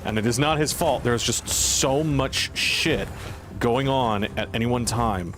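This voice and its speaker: Playing a healer on stream, the man vents profanely and in exasperation as he commentates, repeating phrases for emphasis. His pitch is medium and his pace unhurried, against a noisy background.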